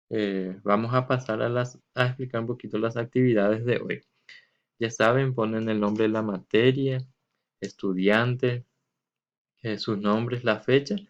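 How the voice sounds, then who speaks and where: A man with a fairly low voice delivers a recorded classroom lesson. He explains step by step and with patience, drawing words out to mark their stressed syllables. The sound is muffled and lo-fi. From Paraguay. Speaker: teacher. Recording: dull lo-fi recording.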